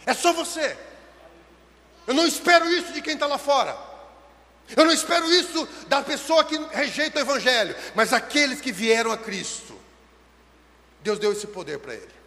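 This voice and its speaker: A man with a Brazilian Portuguese accent preaching a sermon, swinging from shouted lines to hushed low ones. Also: animated, normal speed, pauses often. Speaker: pastor. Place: church hall. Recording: long hall reverb.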